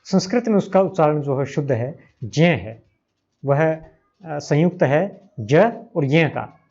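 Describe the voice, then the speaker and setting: Slow, patient Sanskrit teacher, man. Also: a little high, expressive, gravelly, darkish tone. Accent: Hindi. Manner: patient, repeats sounds aloud for learners. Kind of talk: slow spoken grammar lesson. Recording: slightly dull lo-fi recording.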